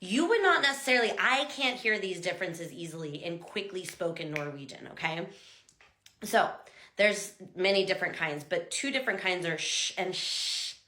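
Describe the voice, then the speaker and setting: In a casual talking-head explainer, an American language teacher chats away, exaggerating sounds to show how they work. Her fairly low voice is expressive, pushed and bright, at a normal speed, with a roomy sound around it.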